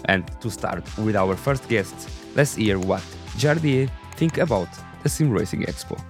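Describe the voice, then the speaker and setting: Raspy, low-voiced male podcast host, non-native English. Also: animated, a little slow, darkish tone, faint music behind. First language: not English. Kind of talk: scripted podcast narration.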